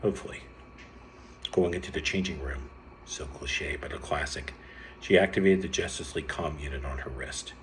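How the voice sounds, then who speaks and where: A man reading an adventure story aloud in a lively way, with sudden lifts in pitch and some stumbles over words. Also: moderate pace, a little hiss or hum.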